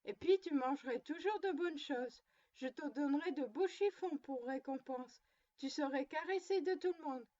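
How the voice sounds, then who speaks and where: A woman's voice: high-pitched, normal speed, mellow, dull audio, lightly acted. A woman reading a storybook, voicing a little girl who sternly plays mother to her doll, prim and lecturing. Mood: tender.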